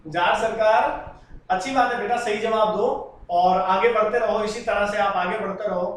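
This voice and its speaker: A man's voice: sits high, steady tone, moderate pace, a bit bright, recorded from a distance. A man teaching a live online class, answering students' comments in a chatty, fatherly way. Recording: very echoey room, voice from away from the mic.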